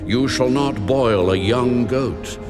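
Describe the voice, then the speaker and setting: A man playing a solemn, commanding God in a dramatized scripture reading, speaking in a grave, measured, authoritative way. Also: medium pitch, over loud music, close to an everyday voice. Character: the Lord God, solemn commanding male deity.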